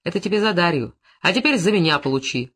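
A reader voicing Chubatov, a bold hot-tempered village man who is gruff but tender. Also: sits high, sing-song, fast, bright, forceful tone, exaggerated voice. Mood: furious. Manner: gruff, curt, teasing.

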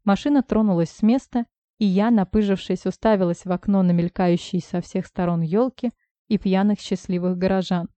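A woman narrating a first-person story in an even, steady storytelling voice, in a dry, slightly dull recording. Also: medium pitch, moderate pace, no echo. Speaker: audiobook narrator.

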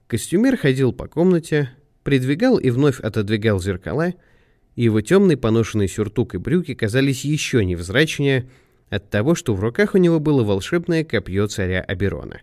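A man reading a detective story aloud in measured, expressive narration. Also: mid-range voice, dry recording, clean studio sound. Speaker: audiobook narrator. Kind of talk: scripted narration.

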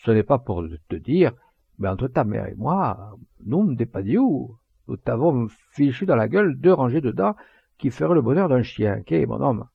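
A man's voice: big pitch swings, moderate pace, gravelly, husky, dry recording, phone-quality sound, exaggerated voice. A man voicing a hearty fatherly poacher. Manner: booming, hearty, sententious. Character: jovial hearty middle-aged male poacher, fatherly.

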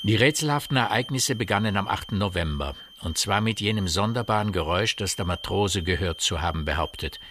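In a radio drama, a male actor voices a storyteller recounting eerie village events, speaking deliberately and vividly straight to the listener in an ominous mood. His lowish voice is expressive with a fairly bright tone, and a little hiss or hum sits in the recording.

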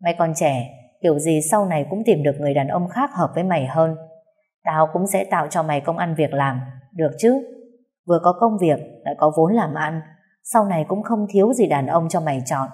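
A woman's voice: sits low, lively intonation, a little fast, a little mellow. A woman voicing a grown son of a rich family who speaks in a curt, commanding, businesslike way. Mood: cold.

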